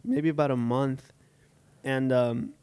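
A man's voice: medium pitch, steady tone, slow, creaky, a little mellow, smooth. A young man chatting casually and telling a rambling story, full of fillers and restarts. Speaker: coffee shop employee. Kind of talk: casual chat.

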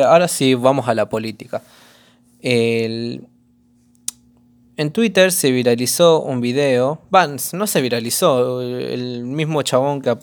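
A man with an Argentine accent, hoarse, rambling through a casual commentary vlog with lots of slang and fillers. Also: medium pitch. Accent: Argentine Spanish. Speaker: vlogger.

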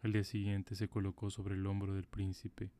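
A man narrating a fairy tale in a calm, even storybook delivery. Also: low-pitched, normal speed.

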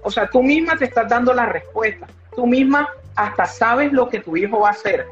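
A woman's voice: on the high side, expressive, fairly quick. Emphatic woman explaining with examples. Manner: emphatic, repeats key phrases, gives examples. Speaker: child behavior specialist guest. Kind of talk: explanatory interview talk. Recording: dull lo-fi audio with faint music.

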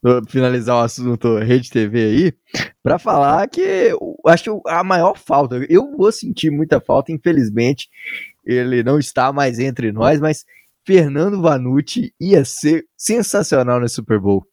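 A man's voice: medium pitch, big pitch swings, a little slow, a little mellow, no echo, studio quality. A man with a Brazilian accent hosting a casual sports podcast, chatting in an informal, jokey, stop-start way. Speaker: podcast host.

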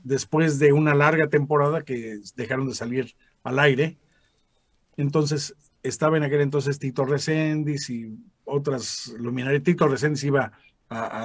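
A man's voice: mid-range voice, husky, dry recording, studio quality. A man with a Mexican Spanish accent, a former radio announcer and voice actor, telling stories in a casual interview and acting out the voices he quotes. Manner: animated, acts out quoted voices.

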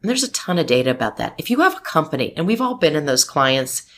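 In an interview, a woman in her forties who works as a marketing executive talks fast in a low-pitched, sing-song voice. She comes across as emphatic, outspoken and optimistic.

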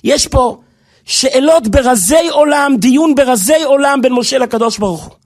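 A male rabbi giving an impassioned sermon, swinging between hushed and loud passages. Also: very high-pitched.

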